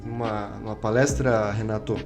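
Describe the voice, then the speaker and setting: A man's voice: on the low side, flat delivery, moderate pace, roomy sound, music in the background. A man hosting a podcast, teaching public speaking in a didactic way and acting out his students' complaints. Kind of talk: instructive podcast talk. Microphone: studio microphone.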